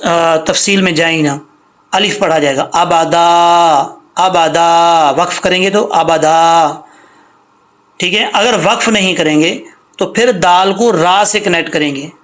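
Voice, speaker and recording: A man's voice: fairly high pitch, fairly bright tone. A man teaching Quran recitation, patiently sounding out words letter by letter and pointing out common mistakes. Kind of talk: slow teaching with drawn-out recitation.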